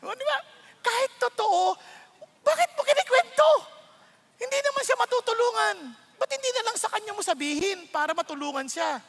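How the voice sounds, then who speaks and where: A man with a Filipino accent preaching a sermon, animated and full of rhetorical questions, switching between Tagalog and English. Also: extremely high pitch, a little fast. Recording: long reverb of a large hall.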